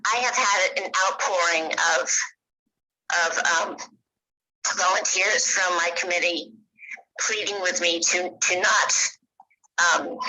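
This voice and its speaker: A woman's voice: on the low side, bright, forceful tone, rough recording. A woman chairing a volunteer committee, speaking hesitantly in an online meeting over a bad connection relayed through another caller's phone. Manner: hesitant, halting, many pauses and fillers. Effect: bad connection, relayed through another caller's phone and laptop. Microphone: video call.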